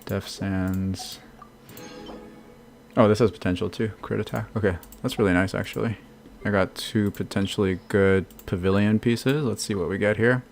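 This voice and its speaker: Laughing often and responding to viewers, a man in his thirties from the United States gives casual commentary while streaming a game. His fairly low voice keeps a steady tone at a moderate pace, with soft background music.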